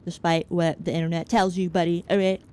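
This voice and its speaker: A woman's voice: lowish voice, flat delivery, brisk, a little mellow. A young woman streaming as a VTuber, chatting casually with her chat in a rambling, frank, joking way that hops from topic to topic. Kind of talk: casual chat, answering chat while gaming.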